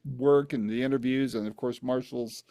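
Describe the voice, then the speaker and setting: A man's voice: medium pitch, fairly even intonation, normal speed, mellow, no echo. A man chatting casually as an interviewer, talking in a loose, rambling way.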